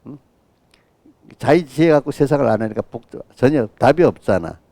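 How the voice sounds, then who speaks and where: A middle-aged pastor preaches an early-morning sermon, engaging the congregation and often asking "right?" while acting out the quoted voices of children and God in his own voice. His medium-pitched voice is expressive and mellow, at a moderate pace, with no echo.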